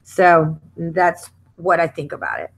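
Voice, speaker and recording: Female stream host, relaxed casual delivery on a video call. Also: fairly low pitch, a little slow, gravelly, husky, poor audio. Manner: relaxed, thanks viewers and wraps up the stream. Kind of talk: casual group chat.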